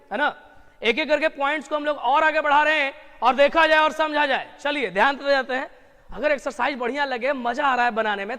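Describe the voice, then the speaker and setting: A high-pitched man with a bright, forceful voice runs a lively online English grammar class, cheering his students on. His voice carries a long reverb. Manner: energetic, encouraging, praising students. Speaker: English teacher.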